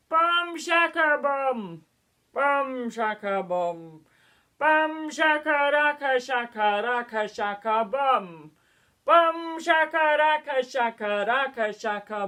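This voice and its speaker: A woman putting on a market trader's voice, shouting drawn-out calls. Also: high voice, pitched above the performer's own voice, heavily acted. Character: loud shouting adult market trader hawking wares.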